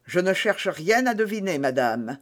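A man's voice: sits high, big pitch swings, moderate pace. Man reading a grave, pious soldier guard. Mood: grave, stern. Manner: grave, solemn. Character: stern, pious young male soldier guard.

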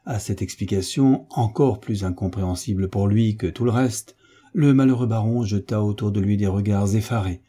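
Husky, dark-voiced male narrator. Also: fairly low pitch, normal speed. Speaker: audiobook narrator. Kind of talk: audiobook narration of a classic novel.

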